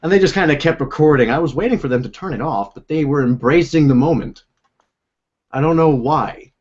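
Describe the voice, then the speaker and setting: A man's voice: fairly high pitch, brisk, darkish tone, highs cut off. Rambling young man on a call. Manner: rambling, chatty, laughs often. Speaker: host. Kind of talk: casual chat on a video call. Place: room at home. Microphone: own desk microphone.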